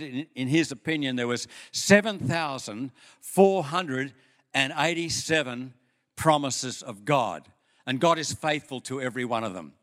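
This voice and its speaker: An older Australian pastor preaching a sermon in a church, with folksy stories and an unhurried manner. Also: male voice, medium pitch. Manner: folksy storytelling, lively with pauses. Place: church hall.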